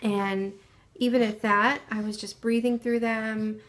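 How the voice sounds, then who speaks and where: A young woman telling the story of her baby's home birth in a casual, soft-spoken way, with many pauses and fillers. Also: fairly high pitch, fairly even intonation, a little hiss or hum.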